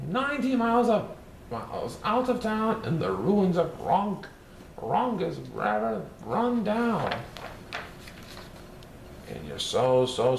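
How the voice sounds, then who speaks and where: A man voicing a playful, mischievous male cartoon cat, reading a rhyming storybook in a sing-song, bouncy way. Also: on the high side. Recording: roomy echo, faint hiss.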